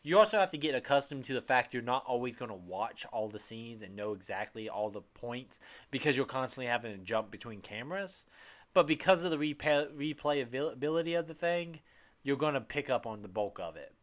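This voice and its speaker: A man's voice: mid-range voice, animated, a little fast. A man co-hosting a podcast, chatting casually and animatedly retelling game scenes with laughter. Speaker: podcast co-host.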